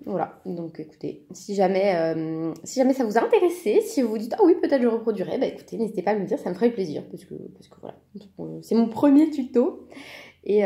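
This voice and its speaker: Coloring on camera for her vlog, a part-time teacher in her thirties talks casually, often using fillers and correcting herself. She has a medium-pitched voice with a dark tone, recorded in an echoey room.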